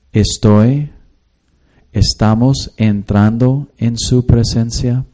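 A man's voice: mid-range voice, warm tone. A man preaching a sermon as a pastor, reading scripture aloud and acting out everyday voices. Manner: slow, reads scripture and acts out everyday voices.

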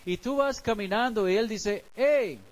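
A man's voice: high-pitched, animated, slow, rough recording. A man preaching as a pastor, explaining scripture in a conversational way with everyday street examples. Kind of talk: sermon.

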